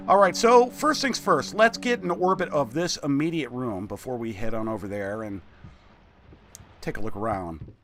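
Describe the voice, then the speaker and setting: A man with a lowish voice and a slushy lisp on his s sounds gives casual, jokey video game commentary, muttering asides and reading notes aloud.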